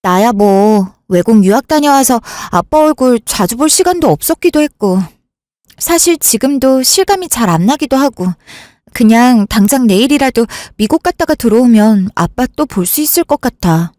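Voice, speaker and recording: A woman voicing a breezy, offhand younger sister in a radio drama who talks briskly and brushes things off. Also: fairly high pitch, animated, darkish tone, no room sound, natural voice. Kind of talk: Korean radio drama acting.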